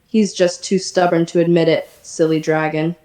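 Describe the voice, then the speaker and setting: Sassy chatty poodle girl done by a tts woman voice, kinda low, echoey. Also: level tone, normal speed, warm tone. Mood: playful. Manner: chatty, teasing, affectionate. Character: sassy energetic female poodle chatbot. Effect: text-to-speech voice.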